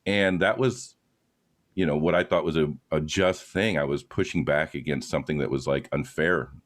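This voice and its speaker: A man in his forties with an extremely deep voice, telling a story in a casual way. He is blunt and swears freely. His voice rises in force as he gets worked up. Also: normal speed. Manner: blunt, profane, grows loud when worked up. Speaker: podcast guest, former aircraft mechanic.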